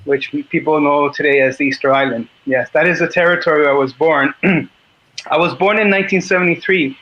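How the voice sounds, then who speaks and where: Chilean man, 50s, Spanish-accented English, tense bright tone, halting earnest guest on a dull call line. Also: fairly high pitch. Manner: halting, clears his throat often. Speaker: guest speaker on a group call.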